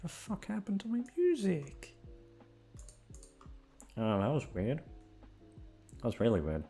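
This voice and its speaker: A young man hosting an audio channel chats casually with listeners in a rambling, informal, sweary way over guitar music. His voice is on the high side and warm, with wildly swooping pitch and a slow pace.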